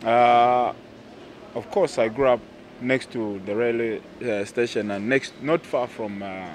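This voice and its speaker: A man in his thirties with a Ugandan accent, the captain and goalkeeper of his national team, answers questions in a casual interview on an outdoor poolside terrace. His mid-range voice holds a steady tone at a measured pace, though his replies are hesitant and full of fillers. He speaks into a handheld mic, with slight background noise and outdoor ambience behind him.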